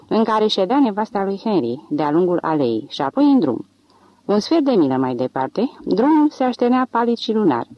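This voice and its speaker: A woman narrating a literary audiobook with an expressive, dramatic reading. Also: fairly low pitch, dry recording, dull audio.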